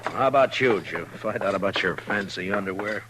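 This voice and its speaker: An actor playing a calm, authoritative frontier marshal in a 1950s radio western, with an American accent and a dry, measured delivery. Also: male voice, sits low, natural voice. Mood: dry, teasing. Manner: laconic, measured. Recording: slightly noisy old radio recording.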